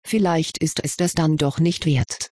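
A subdued, earnest schoolgirl from a storybook, voiced by the reader. Her husky voice sits in the middle of the range. It sounds dry and close. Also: medium pitch, steady tone, a little slow, no room sound. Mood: resigned. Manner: subdued, quietly disappointed.

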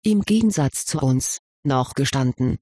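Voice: mid-range voice, lively intonation, measured pace, mellow, no echo. Practical schoolgirl witch in a storybook, dry and to the point, read by the narrator. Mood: matter-of-fact. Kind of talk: audiobook reading.

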